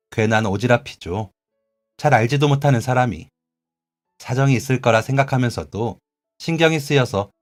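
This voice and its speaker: A man voicing an earnest, gentle male café regular who pleads sincerely, read as a radio drama. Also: medium pitch, close to an everyday voice.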